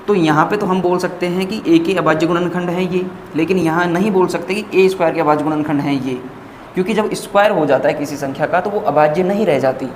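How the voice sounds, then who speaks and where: A man's voice: a little high, slight background noise. A man teaching a maths lesson at a board, patiently walking through each step, repeating points and checking in with his students.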